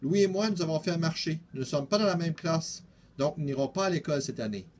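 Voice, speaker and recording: A teenage boy voicing Charlot, an excited young schoolboy, in a storybook reading in French. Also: a little high, fast talker, voice pushed up. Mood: eager.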